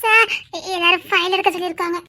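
A woman's voice: very high-pitched, steady tone, quick pace, pushed and bright, no echo. [name], a woman playing a coy stammering young clerk. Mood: nervous. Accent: Tirunelveli Tamil. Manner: stammering, protesting playfully. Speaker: office employee. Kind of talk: village web-series acting.

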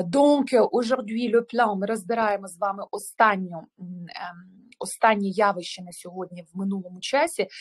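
A woman's voice: mid-range voice, breathy edge. A woman from Ukraine teaching French in a live online lesson, switching between French and Ukrainian and repeating each phrase, recorded outdoors on a terrace. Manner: drills sounds by repetition.

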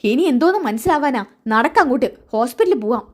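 A woman voicing a scheming, sharp-tongued middle-aged mother who scolds her daughter. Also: sits high, expressive, fast talker. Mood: scolding. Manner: scolding, exclaiming.

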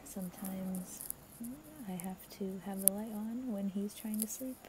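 A young woman hosts a spiritual reading late at night, keeping her voice low and half-whispered so she won't wake someone. She talks slowly and rambles with plenty of fillers, at a middling pitch. Chatter from a television carries in the background of the bedroom. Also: fairly even intonation. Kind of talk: quiet late-night casual chat. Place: shared bedroom at night, TV on behind. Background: television playing.

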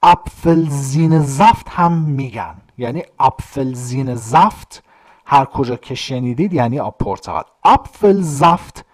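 A man teaching a German lesson in Persian, reading German lines slowly and then translating them quickly. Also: medium pitch, animated, no room sound.

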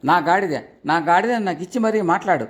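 A man's voice: high-pitched, brisk, natural voice. A man voicing an insistent young man who keeps demanding his donkey, in a storybook reading. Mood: angry. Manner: insistent, repetitive.

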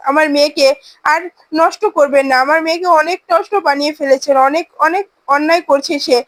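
A woman's voice: high-pitched, steady tone, fast talker, a bit bright, no room sound. A woman voicing a desperate mother locked in a room, pleading and reproaching her captors.

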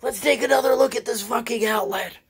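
A woman with laryngitis, her voice lost to a hoarse, breathy, cracking whisper, grumbling and swearing sarcastically through a casual phone vlog. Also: fairly high pitch, a little fast, a little hiss or hum. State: hoarse with laryngitis, occasional coughing. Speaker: gamer showing a home setup. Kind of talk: casual handheld vlog commentary. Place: small room at home with wooden floor. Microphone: handheld phone.

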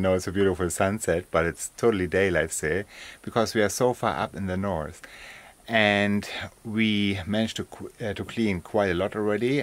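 A man chatting casually to the camera as a travel vlogger, outdoors on a small island by the sea. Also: sits low. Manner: relaxed, chatty, laughs often. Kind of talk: casual vlog narration.

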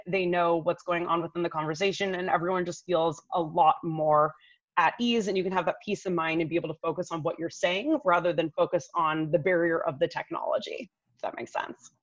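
This low-pitched woman is an image coach sharing expert tips on a video call, talking conversationally and addressing the listener head-on as she explains. She's indoors in her living room, and her laptop microphone captures slightly dull, roomy audio.

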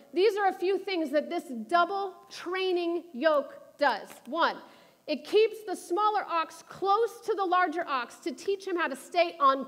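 A woman in her forties from New York City, preaching a sermon with animated, self-deprecating humor. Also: very high-pitched, long reverb tail. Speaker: speaker at a church service.

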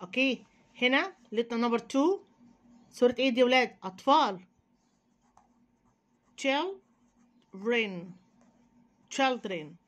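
An Egyptian woman teaching young children English, drilling sounds slowly and checking in with "okay". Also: on the high side, animated. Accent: Egyptian Arabic. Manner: drills letter sounds slowly, often says sorry and okay.

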